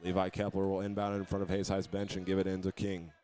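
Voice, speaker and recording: He sits low in pitch, speaks quickly in a completely flat, darkish tone, and calls a basketball game play by play. The American announcer keeps up a present-tense description of each move.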